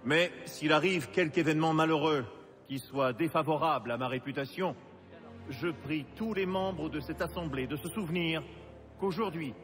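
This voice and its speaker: An actor playing a solemn, humble general in a game, declaiming a formal speech. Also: male voice, fairly high pitch, close to an everyday voice. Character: solemn, humble male general addressing Congress. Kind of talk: formal oration, video game acting. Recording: reverberant hall, music behind. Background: music.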